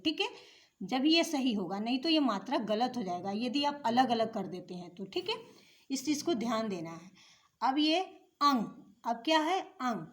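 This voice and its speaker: A woman teaching young children in a patient classroom manner, asking simple questions and repeating each step. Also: fairly high pitch. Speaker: primary school teacher. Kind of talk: slow classroom explanation of letters.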